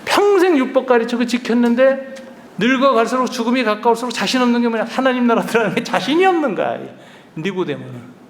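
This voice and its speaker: An older man, a pastor, preaching a lively, colloquial retreat sermon, acting out dialogue and chuckling often. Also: extremely high pitch, quick pace. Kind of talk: retreat sermon, storytelling with acted quotes. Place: church hall. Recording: roomy hall reverb, faint ambience.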